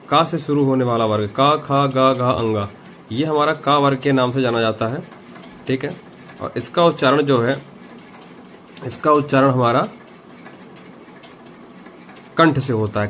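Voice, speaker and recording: A man's voice: medium pitch, a bit bright, slight background noise. A man teaching a grammar lesson, repeating each point and asking the viewer questions. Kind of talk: grammar lesson explaining a memory trick.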